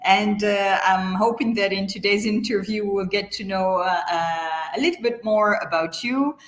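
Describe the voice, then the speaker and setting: A woman's voice: medium pitch, normal speed, roomy sound. A woman hosting a business interview, introducing her guest with many hesitant fillers. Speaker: interview host.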